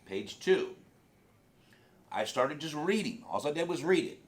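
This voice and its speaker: A man's voice: a little high, lively intonation, brisk. A man giving a blunt, profane sales training talk to a group in a training room.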